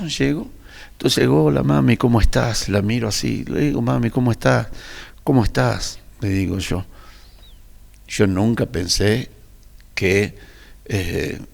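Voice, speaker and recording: A male pastor with an Argentine accent recounts his experiences, voicing the people in them as he goes. His voice sits low and has a gravelly edge. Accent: Argentine Spanish. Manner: animated storyteller, acts out dialogue. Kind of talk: interview storytelling.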